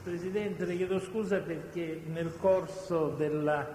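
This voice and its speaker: A male lawyer cross-examining a witness in court with probing, halting questions. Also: fairly high pitch, fairly even intonation, dark tone. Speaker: defense lawyer. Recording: echoey courtroom with long reverb and faint noise.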